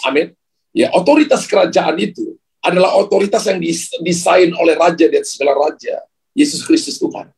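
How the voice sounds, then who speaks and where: Husky-voiced male pastor preaching. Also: high voice, lively intonation, a little fast, a little mellow, poor audio. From Ambon, Indonesia. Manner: conversational preaching with frequent "ya" and direct address. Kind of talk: sermon.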